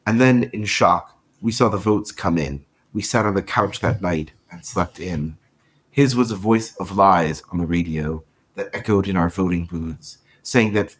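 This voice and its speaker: A man's voice: sits low, slightly rough. A man who co-hosts a podcast, reading his own poem aloud and then explaining it earnestly. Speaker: podcast co-host and poet. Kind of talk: poetry reading then casual talk.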